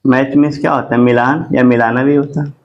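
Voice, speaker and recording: A man teaching a classroom grammar lesson. He asks his students questions and answers them himself, and he spells words out slowly. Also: mid-range voice, steady tone. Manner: drawn-out slow spelling of words. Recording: dull lo-fi classroom recording.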